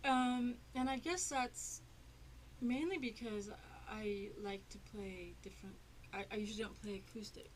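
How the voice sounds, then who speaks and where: A woman's voice: medium pitch, measured pace, a little hiss or hum. A woman hosting a casual interview on a local TV show, rambling with many fillers and restarts. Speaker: TV talk show host. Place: public access TV studio.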